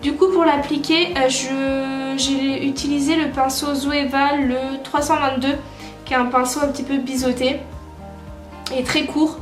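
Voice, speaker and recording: High-voiced and chatty, this young woman from France is a beauty vlogger casually talking through a makeup tutorial, speaking a little slowly with little pitch movement. She fills gaps with "euh" and keeps correcting herself, and the roomy echo carries soft background music.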